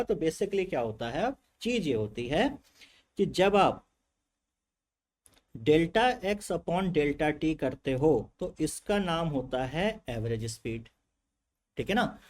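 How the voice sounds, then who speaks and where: An animated male physics teacher giving a classroom lecture. He keeps asking his students rhetorical questions and acts out what they might say, all in a voice pitched a little higher than most men's. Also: slow.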